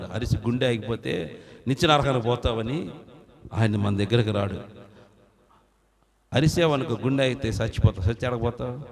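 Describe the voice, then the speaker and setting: A man's voice: mid-range voice, a little mellow. A male pastor preaching a fervent sermon, calling out hallelujahs and firing questions at the congregation.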